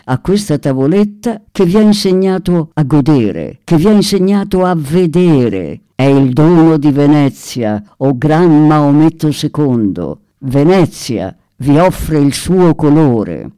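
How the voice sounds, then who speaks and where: A man's voice: a little high, lively intonation, slow, hardly any pauses, mellow, clear, resonant tone, no room sound, clean studio sound. A man voicing a proud, solemn Venetian ambassador in a storybook reading, speaking in a lofty, declaiming way.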